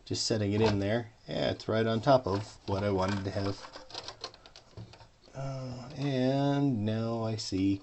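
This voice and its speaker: A man talks slowly and dryly as he tinkers at a home workbench, half muttering to himself with a sarcastic edge. His voice sits low with a gravelly fry, and a faint hiss runs under it. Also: steady tone. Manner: dry, sarcastic, muttering to himself while working. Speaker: hobbyist modder. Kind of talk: casual workbench vlog narration.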